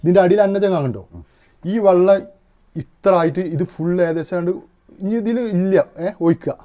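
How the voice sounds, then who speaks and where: A man who makes arrowroot powder at home gives a casual hands-on demonstration, explaining each step and repeatedly checking that the listener understands. His voice sits high, at normal speed, with the highs cut off.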